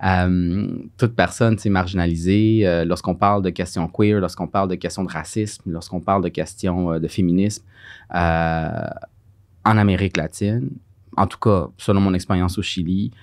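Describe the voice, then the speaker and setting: A man's voice: low voice, fairly even intonation, normal speed, no echo. A man with a Quebec French accent, co-hosting a podcast and telling stories in a rambling, casual way with many fillers. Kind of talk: casual conversation.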